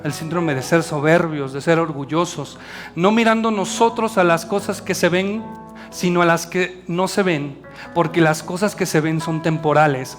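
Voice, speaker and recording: Man, Mexican accent, middle-aged, youth preacher, chatty and animated, fairly high voice, faint music underneath. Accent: Mexican Spanish. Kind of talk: sermon. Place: church youth service.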